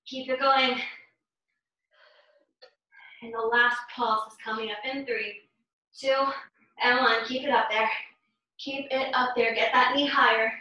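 A woman's voice: high-pitched, pushed and bright. A young woman leading a home workout as an urgent, encouraging gym coach, calling short repeated commands and counts while exerting herself. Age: young adult. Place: living room, indoors. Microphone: camera a few metres away. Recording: very echoey room, distant microphone.

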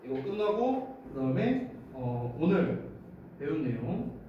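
Animated male teacher in an echoey room. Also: a little high, muffled recording. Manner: emphatic, keeps checking students with quick questions. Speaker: English grammar teacher. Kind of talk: classroom grammar lecture. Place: classroom with students. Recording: echoey room, mic far off, noisy.

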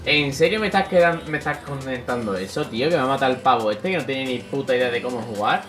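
A young man from Spain, commentating his own gameplay in an excitable way, swearing often and bursting into loud shouts. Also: mid-range voice, fast talker, soft background music. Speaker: gaming youtuber.

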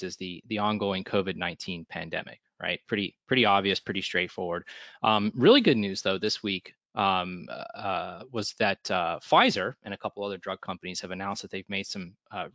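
A man's voice: fairly low pitch, fairly bright tone, no room sound, dull audio. A man presenting a business webinar in a casual, conversational way, full of ums and restarts.

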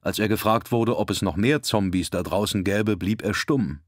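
Hörbuchsprecher, männlich, sehr tiefe Stimme, gemessener dokumentarischer Vortrag. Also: male voice, on the low side, normal speed, no room sound, studio quality. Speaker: audiobook narrator. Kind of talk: scripted documentary-style narration.

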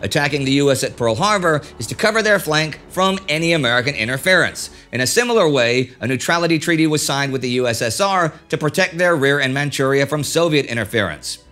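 A middle-aged man hosting a history show reads a script in a conversational style with wry asides, sitting at a desk on an office-styled indoor studio set with a lapel mic. He talks fast with few pauses, his fairly high voice bright, forceful and lively in intonation, over soft background music.

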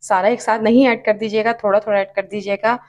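A woman with a Pakistani Urdu accent talks viewers through a recipe at an easy, steady pace. She explains each step patiently and repeats her cautions so nobody misses them. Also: mid-range voice, fast. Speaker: cooking channel host. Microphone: off-camera voice over hands-only cooking shots.

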